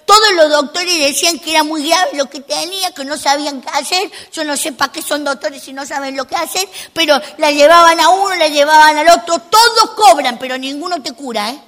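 A woman's voice: sits high, a little fast, few pauses, fairly bright tone. A woman doing a sassy little girl comic. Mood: indignant. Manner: indignant, sassy, rhetorical asides. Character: cheeky, indignant little girl. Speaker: stand-up comic in character. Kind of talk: comic monologue.

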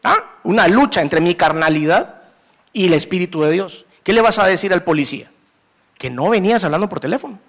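Salvadoran man, preacher; high, gravelly voice, lively storytelling sermon delivery. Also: a little fast. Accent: Salvadoran Spanish. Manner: animated, acts out scenes, mixes humor into preaching.

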